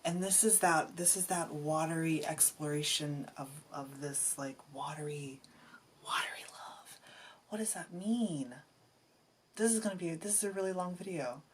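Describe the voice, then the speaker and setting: A woman giving an intuitive tarot reading, musing aloud in a halting way, often restarting her sentences and sometimes getting emotional. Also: deep voice, slight background noise. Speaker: tarot reader.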